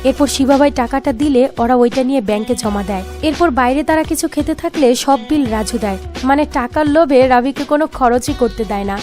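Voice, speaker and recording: A woman narrating a movie recap as a story, telling it briskly and voicing the characters' lines herself. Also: high voice, darkish tone. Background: faint background music.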